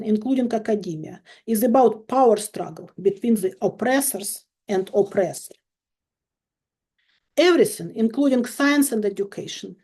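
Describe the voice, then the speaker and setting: In this recorded chemistry lecture, a woman from Ukraine in her fifties speaks in a measured, emphatic way with a touch of dry irony. She has a mellow, fairly high-pitched voice.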